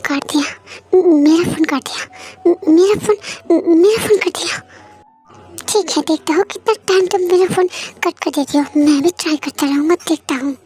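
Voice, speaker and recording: A jealous, angry young man played by a woman in a storybook-style reading. He mutters and stammers in a very high voice. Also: quick pace, a little mellow, faint music behind, natural voice.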